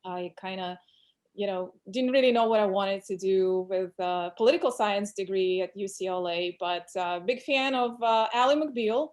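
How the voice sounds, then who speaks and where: A woman's voice: medium pitch, normal speed, a little mellow. Woman telling her story. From Russia. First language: Russian. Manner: candid, reflective storytelling. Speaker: employment lawyer, guest. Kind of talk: casual interview chat.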